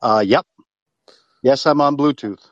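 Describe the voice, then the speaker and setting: A man's voice: mid-range voice, measured pace, no room sound. A man calling in to a talk show over a Bluetooth headset that clips his sound, explaining at length. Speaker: caller. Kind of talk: call-in chat. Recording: dull lo-fi call line.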